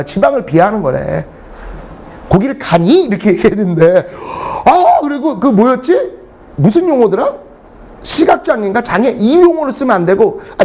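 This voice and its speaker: A man's voice: extremely high pitch, a little mellow. A middle-aged man teaching English, telling blunt, comic classroom stories and swearing freely for laughs. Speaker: English lecturer. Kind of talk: lively classroom storytelling.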